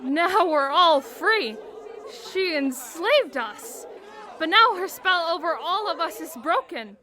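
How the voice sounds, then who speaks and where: A woman's voice: very high-pitched, expressive, slow, sharp tone, a faint crowd, a little hiss or hum, full character voice. A teenage girl playing a grateful freed castle slave in a stage play, speaking in a declamatory way. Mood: relieved, jubilant. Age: teens. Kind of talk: high school stage play acting.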